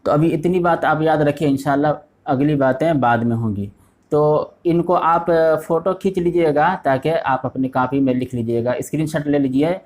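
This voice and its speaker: A man's voice: a little high, darkish tone. A man teaching an online language lesson, patiently repeating each word several times. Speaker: Arabic teacher.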